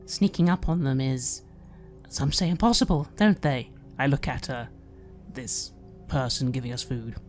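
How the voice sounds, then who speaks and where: Very deep-voiced female player, soft, sly in-character delivery, faint music. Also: measured pace. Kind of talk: in-character tabletop role-play.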